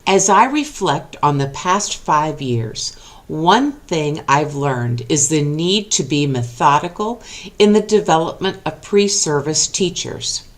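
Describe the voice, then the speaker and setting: Deep-voiced woman, slow and deliberate. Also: lively intonation. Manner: deliberate, reflective. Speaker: school principal. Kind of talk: prepared statement in a video clip.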